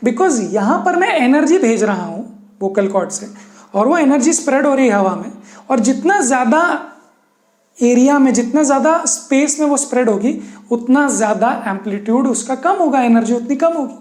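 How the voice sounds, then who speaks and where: A man's voice: very high voice, expressive, normal speed, a little mellow. Man teaching in a roomy room. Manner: checks in with "right?" and "है ना?"; mixes Hindi with English terms. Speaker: science teacher. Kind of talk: explanatory online lesson.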